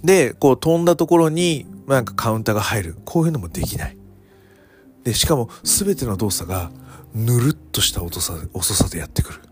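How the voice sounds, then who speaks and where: Male podcast host, mid pitch, very animated delivery, casual monologue with faint music underneath. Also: fairly quick. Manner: animated, dramatic, swings between loud alarm and hushed whispers. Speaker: podcast host reviewing wrestling shows.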